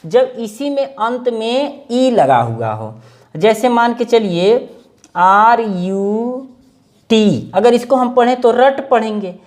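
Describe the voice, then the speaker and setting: Slow, lively man teaching spelling. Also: high-pitched. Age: 40s. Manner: spells words letter by letter, repeats each pronunciation. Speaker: English teacher.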